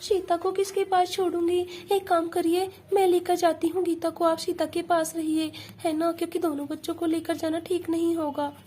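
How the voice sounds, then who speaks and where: A woman narrates a doll play story as a busy mother doll. Her voice is very high, motherly and hurried, with a faint hiss of background noise. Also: level tone, warm tone.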